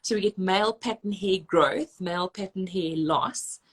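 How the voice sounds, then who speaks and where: A woman, a registered dietitian explaining nutrition and hormones in fast, emphatic conversation with frequent restarts. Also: mid-range voice, breathy edge.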